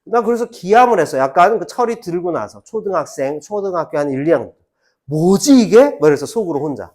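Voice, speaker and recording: High-voiced guy teacher, really lively, chatty asides, acts out the lines. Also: fast. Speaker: Korean literature teacher. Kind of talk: lecture to high school students.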